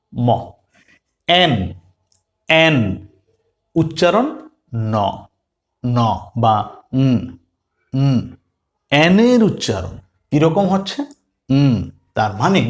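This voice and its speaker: A man with a Bengali accent teaching English letter sounds slowly, repeating each one and putting questions to his learners. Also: a little high. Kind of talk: phonics lesson.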